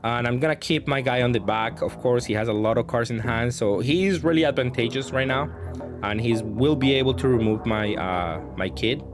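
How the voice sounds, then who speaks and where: Music runs underneath as a card game player talks through his match at a normal pace in a mid-range voice. The commentary is casual and hesitant, like he's thinking aloud while he plays.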